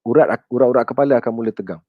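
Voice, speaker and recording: A man's voice: mid-range voice, rapid-fire, husky, dry recording, phone-quality sound. A man with a Malaysian Malay accent giving a conversational counseling talk and answering audience questions. He addresses his listeners as children and mixes English words into his speech.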